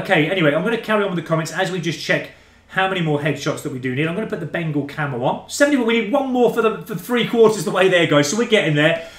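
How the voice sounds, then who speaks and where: A man's voice: on the high side, a bit bright. A man hosting a gaming live stream, chatting loosely and reading out viewer comments, calling them mate and guys. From England. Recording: roomy echo.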